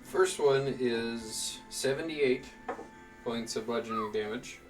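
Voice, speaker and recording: A man's voice: mid-range voice, slow, recorded from a distance. A man running a tabletop role-playing game as game master, narrating events and calling out rolls. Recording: roomy, off-mic, music behind.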